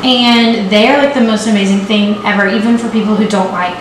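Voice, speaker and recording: In a mid-range voice with a steady tone, the young woman talks fairly quickly while hosting her casual home baking video. She's bubbly and playful, joking as she goes. A far camera records her, and the kitchen has echo and noise.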